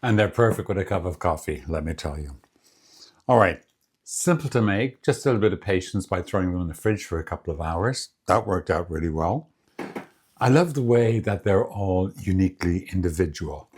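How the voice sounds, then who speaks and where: A man with a deep, husky voice talks through a recipe in his home kitchen. He sounds relaxed and chatty, a cooking host who savors each bite out loud as he tastes. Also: normal speed. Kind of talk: casual cooking demonstration.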